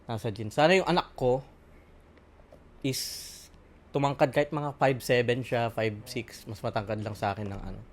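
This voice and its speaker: A man from the Philippines talks in a relaxed, chatty way on a podcast. He tells long stories and pads them with fillers as he thinks aloud. His voice sits in an ordinary middle pitch. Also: moderate pace, pauses often. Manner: chatty, storytelling, many fillers. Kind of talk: casual chat.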